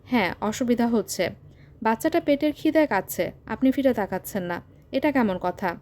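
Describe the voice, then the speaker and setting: A woman voicing a stern young uncle who speaks gravely and earnestly in an audio story. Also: a little high, animated, normal speed, a little mellow, close to an everyday voice. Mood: firm. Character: stern young uncle, calm but firm man.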